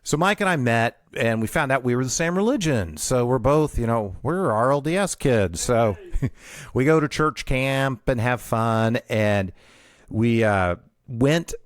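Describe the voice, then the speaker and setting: Animated male radio host telling a story. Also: medium pitch, measured pace, dry recording. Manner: animated, laughs at his own story. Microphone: radio studio mic.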